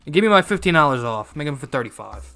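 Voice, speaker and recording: A man's voice: a little high, very animated, quick pace, a crowd in the background. A man hosting a casual sports draft stream, joking and counting down the clock. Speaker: host running a fantasy draft. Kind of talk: casual group chat.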